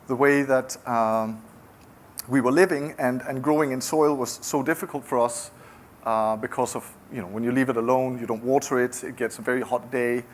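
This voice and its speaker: Speaking with fairly even intonation in a mid-range voice, a middle-aged Danish man with a Danish accent delivers a founder's talk at a conference. It's conversational and halting, with many restarts, and there's slight background noise.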